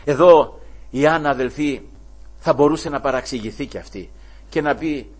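A man preaching a sermon. He calls his listeners "brothers" and keeps coming back to praise of the Lord. He swings between loud raised exclamations and hushed, low asides. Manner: repeats "brothers" and "glory to the Lord" as refrains.

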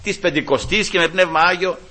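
A man preaching a sermon, fervently addressing the congregation as brothers and telling personal stories, moving between quiet asides and loud, emphatic peaks. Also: sits high. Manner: fervent, keeps calling out to his brothers. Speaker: Pentecostal preacher.

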